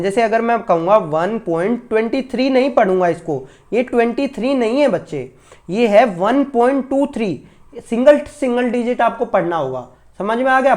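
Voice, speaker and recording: A male school teacher giving an online maths lesson to children, patient and repetitive, often checking that his pupils have understood. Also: high voice. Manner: addresses pupils fondly as children. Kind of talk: online class lecture for children.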